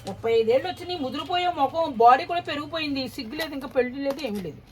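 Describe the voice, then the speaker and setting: Scolding older woman, quick and sharp. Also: high voice. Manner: scolding, blunt. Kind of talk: comic banter sketch.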